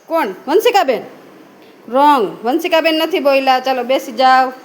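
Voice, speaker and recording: A woman teacher giving brisk, repeated commands and quick praise while she leads young children in a guessing game in a room full of kids. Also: high-pitched, expressive, a little hiss or hum.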